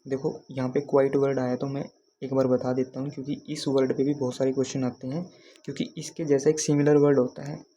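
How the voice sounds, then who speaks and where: A man's voice: mid-range voice, flat delivery, brisk, warm tone, a little hiss or hum. A man from Haryana teaching an exam prep lesson, patiently repeating questions to his students. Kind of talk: explaining lesson.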